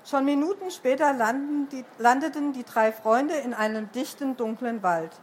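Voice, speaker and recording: Woman storyteller at bookshop reading, high voice, faint room noise. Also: normal speed. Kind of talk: reading a children's book aloud. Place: bookshop event.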